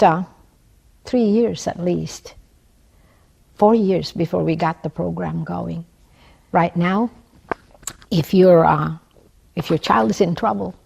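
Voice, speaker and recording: Her voice is on the low side, creaky and slightly rough. She is in her sixties, a nurse and community activist from La Union, Ilocos region, Philippines, a native Ilocano speaker with a Filipino accent. In an interview she recounts her personal story earnestly and emphatically, often tagging "right?".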